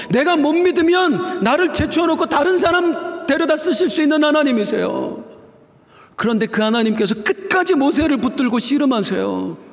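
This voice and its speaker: A middle-aged man preaching a sermon as pastor, with emphatic swings between high exclamations and soft pleading. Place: church sanctuary. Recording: long church reverb.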